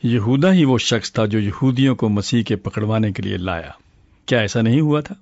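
A man playing an older uncle who calmly explains stories in a scripted dialogue drama. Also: lowish voice, dry recording. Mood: calm explaining. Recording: muffled lo-fi dry studio audio.

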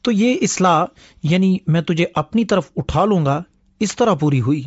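A man's voice: sits high, animated. A man in a scripted dialogue drama who retells traditional stories. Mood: storytelling. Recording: muffled lo-fi audio.

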